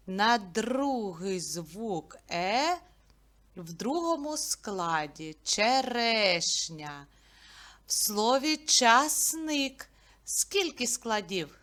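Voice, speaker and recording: Woman teacher doing a kids' reading lesson, real slow and careful, bright clear voice, reads little riddles. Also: medium pitch. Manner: slow, deliberate, reciting riddles to children. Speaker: preschool teacher. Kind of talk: literacy lesson for small children.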